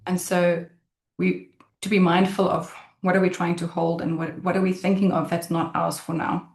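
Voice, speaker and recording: A woman giving a conversational talk on the mind, animated and acting out inner thoughts in quoted voices, speaking into a computer mic on a video call. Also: fairly low pitch, moderate pace. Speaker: mindset speaker. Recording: roomy echo.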